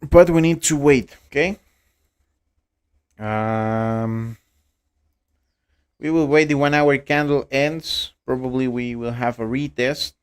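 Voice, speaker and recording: A young Costa Rican man who speaks Spanish natively, hosting a live trading stream in halting English, with many repeated words and restarts. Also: medium pitch, clean tone. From Costa Rica. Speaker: livestream trading host. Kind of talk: casual live-stream chat.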